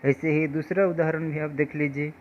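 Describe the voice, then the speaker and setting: A man teaching English pronunciation rules in a slow, patient way, often calling his viewers friends. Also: fairly high pitch, fairly even intonation, highs cut off, slight background noise.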